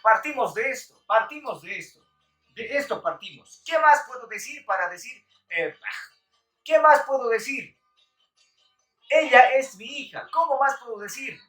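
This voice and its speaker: A woman with a higher voice leads a live Quechua lesson and quiz, calling out to her viewers in a lively way. She sounds set back from the mic in an echoey room, with faint music underneath. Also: unhurried, distant mic. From Bolivia. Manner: lively, calls out to viewers, counts down. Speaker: Quechua teacher on a live stream.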